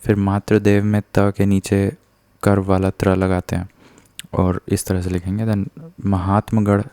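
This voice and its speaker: A man with a low, gravelly voice explains spelling rules with patient, step-by-step care. His voice stays flat and dark, and he stops now and then to correct himself. It sounds dry and close, with no room echo. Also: measured pace. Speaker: teacher.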